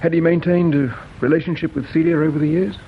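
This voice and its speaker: An actor playing a patient provincial police inspector who questions people gently and measuredly in a radio drama. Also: male voice, on the high side, fairly even intonation, slight background noise, natural voice. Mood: probing. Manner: measured, gently probing, hesitates with "uh". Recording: dull lo-fi radio recording.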